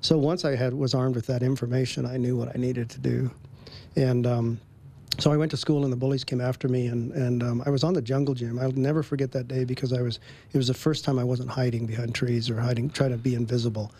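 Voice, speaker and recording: A man telling a personal story in an interview, relaxed, with frequent ums and little chuckles between phrases. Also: medium pitch, fast talker. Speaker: guest.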